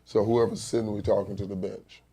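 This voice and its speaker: Gravelly husky man telling coaching stories. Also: on the low side, level tone, brisk, dark tone. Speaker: youth basketball coach. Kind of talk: casual chat.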